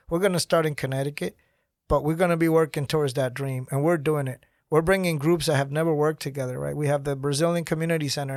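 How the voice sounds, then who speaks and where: Energetic middle-aged man, dry studio sound. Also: a little high, dry recording. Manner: energetic, gestures while talking. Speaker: guest, nonprofit founder. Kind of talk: podcast interview. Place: small podcast studio. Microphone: studio mic on boom arm.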